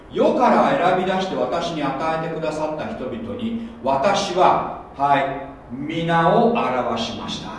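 Echoey, lively man preaching from afar. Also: a little high, slight background noise. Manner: animated, keeps checking in with the listeners. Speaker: pastor. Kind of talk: sermon. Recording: echoey hall, voice from a distance.

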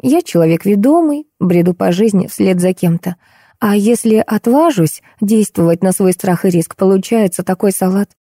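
Lady doing a nervy young people-pleaser in an audiobook, fretful, dark mellow voice, dry close sound. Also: medium pitch, normal speed, dry recording, close to an everyday voice. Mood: fearful. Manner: fretful, pleading. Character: timid anxious young woman, people-pleaser. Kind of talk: audiobook character voice.

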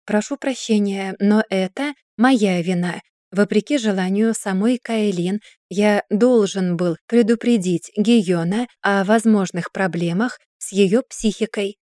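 A woman reading a storybook voices a polite male robot assistant who explains things calmly and courteously. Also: medium pitch, unhurried, no room sound, clean studio sound, close to an everyday voice.

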